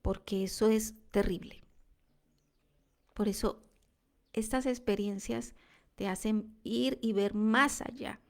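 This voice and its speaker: A woman sharing a devotional testimony, earnest and reflective, sometimes dropping to a soft whisper. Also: mid-range voice, steady tone, slow pace, creaky, long pauses.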